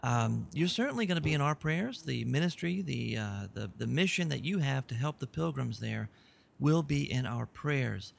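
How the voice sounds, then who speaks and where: A man of forty hosting a podcast, chatting casually and rambling warmly with frequent restarts. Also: mid-range voice, expressive, moderate pace, vocal fry, slight background noise. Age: 40s. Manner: rambling, thankful, many restarts. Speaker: podcast host.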